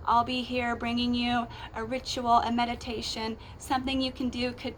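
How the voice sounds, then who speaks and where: A woman calmly and gently guiding a grounding meditation ritual in an unhurried, instructional way, speaking outdoors. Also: fairly high pitch. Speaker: meditation and ritual guide, host. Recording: outdoors with clear background noise.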